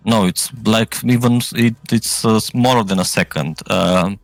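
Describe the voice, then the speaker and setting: A man's voice: fairly low pitch, unhurried, no echo, faint music behind. A man narrating a tabletop role-playing game as game master, improvising and often searching for his words.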